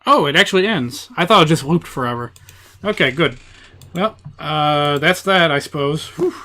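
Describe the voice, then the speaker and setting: A man's voice: on the high side, normal speed, pushed and bright. A man doing casual live game commentary as a streamer, in a wry, rambling way.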